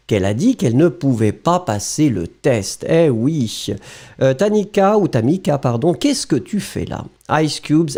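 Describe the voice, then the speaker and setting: A man's voice: fairly high pitch, dark tone. A man who is a native French speaker, teaching a live lesson, reading out viewer comments and explaining them in English with frequent chuckles.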